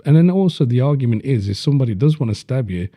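A man's voice: mid-range voice, expressive, fast, mellow, no room sound, studio quality. A man, chatting bluntly on a podcast and swearing freely. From Leicester, England. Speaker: podcast host. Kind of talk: casual chat.

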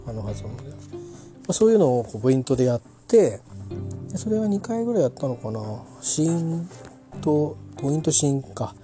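A man with a mellow, warm voice chats loosely about a book he holds. He rambles, stops to correct himself and fills gaps with hesitations. Soft music plays faintly behind him. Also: on the high side, very animated, moderate pace. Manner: rambling, self-correcting, chatty with many fillers. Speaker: English pronunciation learner reviewing a book. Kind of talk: casual spoken book review.

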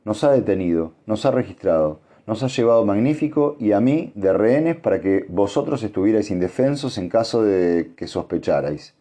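A man's voice: on the low side, lively intonation, moderate pace, few pauses, mellow. A man doing a hot-headed young captain. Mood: heated.

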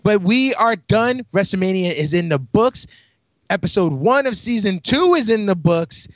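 A man's voice: high-pitched, animated, moderate pace, no room sound. A man hosting a casual wrestling podcast, playful and theatrical, slipping into announcer-style flourishes. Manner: playful, theatrical, sing-song announcer bits. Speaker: podcast host.

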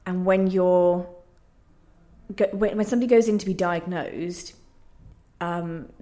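A playwright gives a radio interview, her slightly low voice carrying a dark tone. She talks a little slowly, reflective and earnest, explaining things as if in conversation.

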